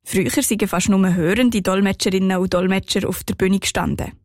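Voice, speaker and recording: A woman with a Swiss German accent narrating a scripted radio report in a calm, clear storytelling manner. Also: medium pitch, fairly quick, no echo, clean studio sound.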